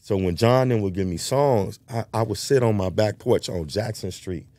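Low-voiced man telling studio stories. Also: normal speed, no room sound. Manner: animated storyteller, scats bass lines, says "bro" and "man" often. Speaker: guest bass player. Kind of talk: casual conversation, storytelling.

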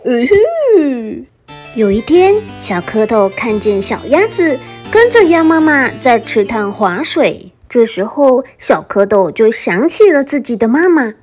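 A woman storyteller reading a bedtime story in a gentle, sing-song way. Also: fairly high pitch, very animated, unhurried, hardly any pauses, soft background music.

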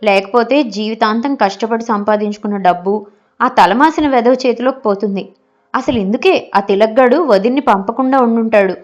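A woman's voice: fairly high pitch, normal speed, a little mellow, lo-fi sound, lightly acted. A woman voices a crafty, grasping younger brother in an audiobook. He is scheming and persuasive, talking his older brother round step by step, with faint music in the background.

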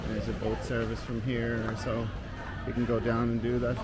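A man's voice: mid-range voice, moderate pace. A man with an Irish accent, casually pointing things out on an outdoor walking tour of a seaside market. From Ireland. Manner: relaxed, chatty, pointing things out. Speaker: travel vlogger. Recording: loud outdoor street noise.

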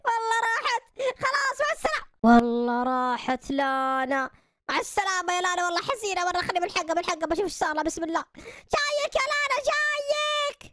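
A woman narrating a game role-play in a lively, bossy, laughing way. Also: very high voice, quick pace.

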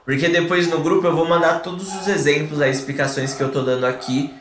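A Brazilian man hosting a live online English class, explaining in Portuguese and slowly modeling English phrases while answering the chat. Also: a little high, fairly even intonation, echoey room, noisy background. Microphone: desk microphone.

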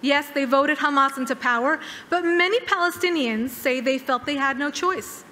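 A woman in her thirties giving a formal keynote speech at a podium, measured and emphatic with dramatic pauses. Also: high voice, sharp tone. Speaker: keynote speaker. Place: large dark hall, at a podium. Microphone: podium microphone. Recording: hall reverb.

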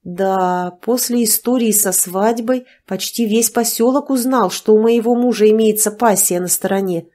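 A woman reads a novel aloud in the first person. Her delivery stays even and measured, in a plain storytelling manner. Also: medium pitch. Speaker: audiobook narrator. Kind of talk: first-person audiobook narration.

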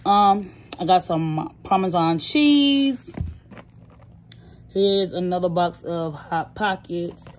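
A young woman with a lowish voice talks at a slow pace while showing her groceries, filmed on a phone she holds off camera at home. Her vlog chatter is relaxed and casual, listing items with fillers, over a slight hiss or hum.

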